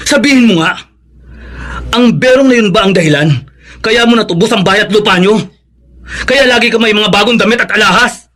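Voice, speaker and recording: A man's voice: high voice, brisk, pauses often, sharp tone. Norman, a betrayed accusing boyfriend. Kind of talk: radio drama acting.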